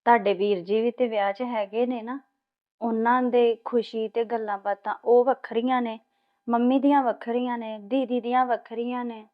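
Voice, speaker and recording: A woman's voice: on the high side, fairly even intonation, normal speed, phone-quality sound, natural voice. An actress playing a new bride who hesitantly questions her husband about his family. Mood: worried. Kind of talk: village family drama acting.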